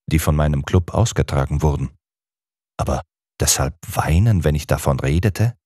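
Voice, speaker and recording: A man giving a measured, scripted first-person audiobook narration. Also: a bass voice, darkish tone, no room sound, clean studio sound.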